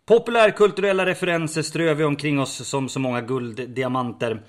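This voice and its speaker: Wry man, fairly high voice. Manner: wry, dry jokes. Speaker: podcast co-host. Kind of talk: casual chat, prepared segment.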